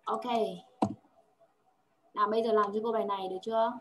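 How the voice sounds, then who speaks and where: A woman's voice: medium pitch, little pitch movement, brisk, slight background noise. A woman tutoring one-on-one, patiently drilling words and checking understanding often. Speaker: English tutor. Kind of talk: one-on-one language lesson.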